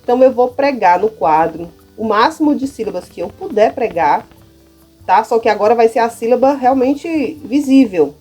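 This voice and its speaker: Over faint music, a Brazilian primary teacher with a Brazilian Portuguese accent leads a relaxed how-to through classroom material, pausing often to check in with listeners. Her voice is a little high and animated at a normal speed, dark in tone with a breathy edge.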